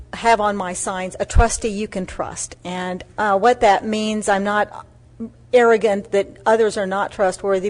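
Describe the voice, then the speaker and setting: A woman's voice: medium pitch, a little mellow. A woman giving a closing statement as a school board candidate, sincere and hesitant, with many ums.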